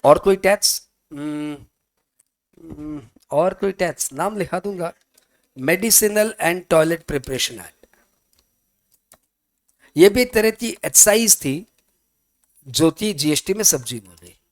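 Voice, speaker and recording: A man's voice: on the high side, animated, slow pace, long pauses. A man teaching tax in a chatty classroom lecture, asking his students questions and answering their imagined ones. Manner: chatty, mixes Hindi and English, asks students questions.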